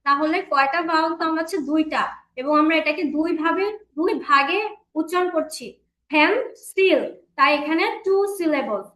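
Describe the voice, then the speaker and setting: A woman with a Bangladeshi Bengali accent teaching children English grammar in an online class, patiently explaining and repeating words slowly. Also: high voice, pushed and bright, reverberant, a little hiss or hum. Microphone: online class call.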